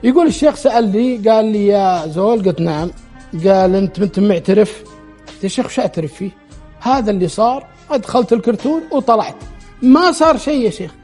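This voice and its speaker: A man's voice: high voice, expressive, fast talker, mellow, faint music behind. A man telling a true story aloud, relaying the dialogue in quotes and often restarting his words. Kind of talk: spoken storytelling.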